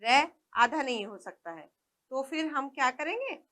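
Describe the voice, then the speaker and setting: A woman leads a primary school lesson in a very animated, high-pitched voice that comes across pushed and bright. She takes her time, asks questions, and points at the book to highlight examples as she speaks.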